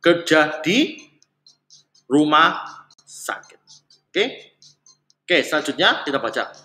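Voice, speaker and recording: A Mandarin teacher giving a casual spoken lesson, who repeats phrases slowly for learners. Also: medium pitch, big pitch swings, pushed and bright. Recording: roomy echo with faint music.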